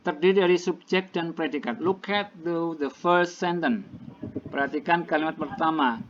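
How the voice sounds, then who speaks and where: A male teacher giving a classroom lecture, explaining slowly and repeating each point in translation. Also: on the high side. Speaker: English teacher. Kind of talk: classroom lecture, mixing languages. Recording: dull lo-fi classroom recording with clear noise.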